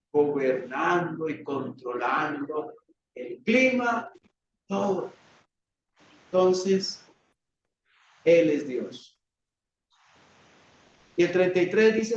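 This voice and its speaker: High-voiced Colombian preacher, slow and dramatic. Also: male voice, far from the mic, a little hiss or hum. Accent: Colombian Spanish. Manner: dramatic, rhetorical questions, acts out cries. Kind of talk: sermon. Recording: roomy, dull church recording.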